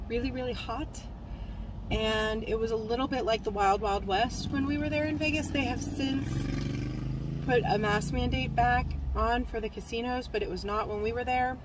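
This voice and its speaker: A woman's voice: on the high side, a little hiss or hum, poor audio. A woman in her forties chatting casually to a phone camera from a parked car, rambling with lots of fillers and restarts. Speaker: cross-stitch vlogger. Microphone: phone camera at arm's length.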